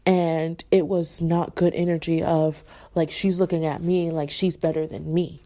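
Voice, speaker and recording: A woman's voice: low-pitched, level tone, unhurried, dark tone. A young adult woman hosting a podcast, talking in a casual monologue full of asides and rhetorical questions. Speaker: podcast host.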